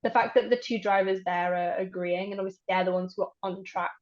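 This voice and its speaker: A woman's voice: mid-range voice, fairly even intonation, quick pace, a little mellow. A young woman chats casually as a podcast co-host. She hedges her points and fills gaps with "um". The audio is dull and lo-fi. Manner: chatty, hedging, many fillers. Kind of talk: casual chat.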